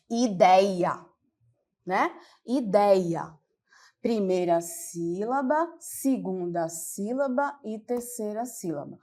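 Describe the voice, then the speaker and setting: A Brazilian woman teaching a televised lesson in a slightly high voice. She speaks slowly and patiently, breaking each point into small steps and checking in with her students along the way. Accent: Brazilian Portuguese. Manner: slow and patient, explains step by step with check-ins.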